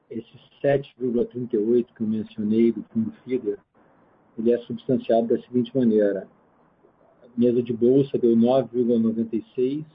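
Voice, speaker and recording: A Brazilian man presenting financial results as an executive, semi-spontaneous, halting and measured as he goes through figures. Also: mid-range voice, slight background noise. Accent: Brazilian Portuguese. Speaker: chief investment officer presenting results. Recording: narrow, tinny phone line.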